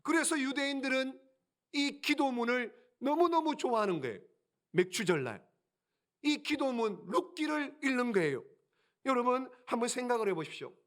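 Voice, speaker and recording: A man's voice: very high-pitched, sing-song, normal speed, fairly bright tone. A man preaching a sermon as pastor, emphatic, asking rhetorical questions and repeating key lines for his congregation. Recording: church sermon recording.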